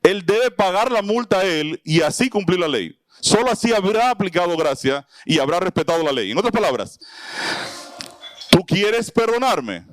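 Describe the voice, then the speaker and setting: A man's voice: sits high, big pitch swings, normal speed, dry recording. A man teaching a Bible lesson to a small audience, asking them questions and acting out little scenes. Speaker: preacher teaching a Bible class. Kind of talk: sermon-style Bible teaching.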